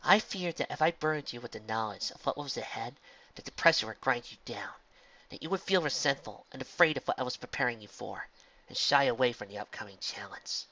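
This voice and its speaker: Man voicing a soft-spoken regal princess. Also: mid-range voice, expressive, fairly quick. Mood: earnest. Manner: soft, hushed, apologetic. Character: gentle, regal female alicorn princess and mentor. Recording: dull lo-fi recording.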